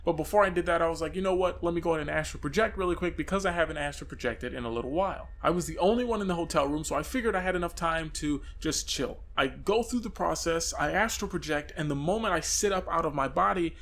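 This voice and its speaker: A young man telling his own eerie out-of-body experiences in a casual, earnest way. His pace quickens at the tense parts. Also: a little high, a bit bright. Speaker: storyteller. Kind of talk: casual first-person storytelling.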